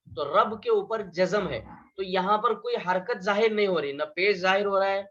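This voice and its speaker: A man's voice: high voice, fairly bright tone, lo-fi sound. A man teaching a beginners' Arabic class, explaining patiently, repeating points and asking his students questions. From India. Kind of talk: beginner language lesson.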